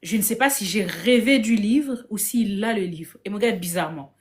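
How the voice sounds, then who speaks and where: A woman telling a story casually on a live video stream from her phone. She speaks with lively energy, keeps restarting her phrases and acts out the lines of the people in her story. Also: mid-range voice, moderate pace. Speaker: guest on a live discussion.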